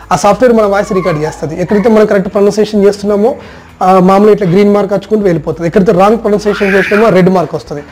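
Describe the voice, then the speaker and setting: A man working as a soft skills trainer, giving a direct instructional talk about job placement rounds. He speaks straight to the listener and runs through long lists of points. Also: sits high.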